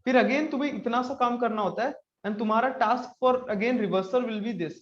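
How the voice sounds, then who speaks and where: Chatty coding teacher, high-pitched man. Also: moderate pace, echoey room, muffled recording. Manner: chatty, mixes English into Hindi, asks the class questions. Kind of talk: live online class, casual.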